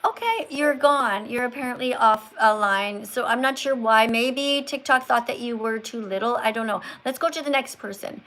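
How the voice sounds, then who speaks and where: Fairly high-pitched and a bit bright, this female host talks at a moderate pace with lively intonation and hardly any pauses. She leads a live call-in chat on veganism, lecturing in short emphatic bursts and pressing callers with probing follow-up questions.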